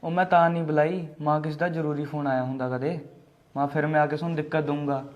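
A man's voice: a little high, level tone, fast talker, close to an everyday voice. A man playing a sulky young son who answers his father defensively. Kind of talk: short film acting.

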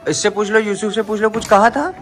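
A young man filming a casual family vlog at home, coaxing children and a pet cat in a playful, gentle way. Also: high voice, a little fast. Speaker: vlogger filming family pets. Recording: music playing under the voice.

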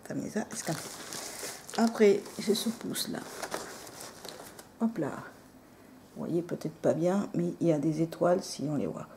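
A woman casually showing off nail polish on camera, soft-spoken and apologetic, often dropping into near-whispers. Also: lowish voice, animated, moderate pace, pauses often, a little hiss or hum. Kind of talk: casual show-and-tell.

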